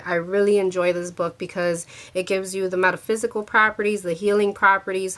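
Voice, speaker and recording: Showing off a handmade crystal ring on camera, a woman chats informally with her viewers despite a cold that leaves her congested with a sore throat. She has a mid-range, slightly bright voice and keeps restarting and filling gaps with filler words.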